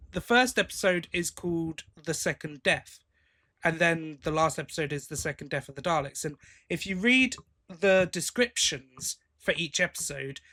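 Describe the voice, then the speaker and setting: A podcast co-host with a fairly high, sharp-toned voice chats casually about news. The topic is sci-fi audio drama news.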